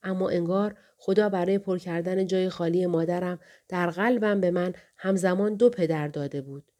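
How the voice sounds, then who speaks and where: A woman reading an audiobook story in calm, even scripted narration. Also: on the low side.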